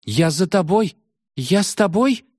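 A man voicing a terrified, tearful schoolgirl in an audiobook, shrill and squealing. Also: very animated, moderate pace, no echo, clean studio sound. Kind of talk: audiobook character voice.

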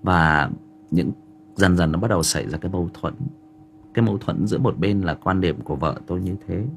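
Deep and gravelly, this man's voice moves fairly quickly as he hosts a livestream and spins a rambling family story crowded with filler words. He speaks with a Northern Vietnamese accent, and a slight hiss or hum runs through the audio.

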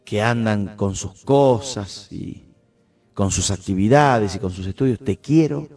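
Faint music plays beneath this middle-aged Argentine radio host, whose accent is Cuyo Spanish from San Juan. With a lowish, somewhat slow voice, he recounts a story and then muses on it in a sincere, halting way, frequently starting his sentences over.

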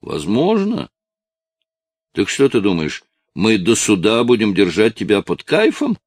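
A man voicing a rough male police detective who speaks curtly and mockingly. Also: lowish voice, wildly swooping pitch, unhurried, dry recording, pitched above the performer's own voice, heavily acted. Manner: curt, mocking.

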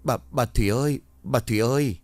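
A man's voice: brisk, dry recording, natural voice. A man voicing a panicky village boy who stammers in fear in a storybook ghost tale. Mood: fearful. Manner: stammering, shrill when shouting.

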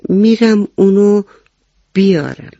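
A man voicing a small, mischievous boy mouse with a thin, high voice who speaks cautiously and pleadingly in a children's story. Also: gravelly, mellow, no room sound. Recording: dull lo-fi recording, faint music.

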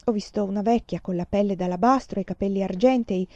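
A calm, evasive fortune-telling nun who answers softly and with deference, voiced by a woman reading a novel aloud. The tone is dark and mellow. The storybook recording is dry and dull. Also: mid-range voice, fast talker, no room sound, lightly acted. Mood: apologetic. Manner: soft, hesitant and deferential.

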